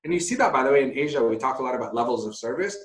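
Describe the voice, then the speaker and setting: A man's voice: medium pitch, lively intonation, racing. A middle-aged man from Syria, speaking as an interview guest in a candid, self-deprecating, passionate way. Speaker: guest, hotel founder. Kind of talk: conversational interview. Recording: echoey room.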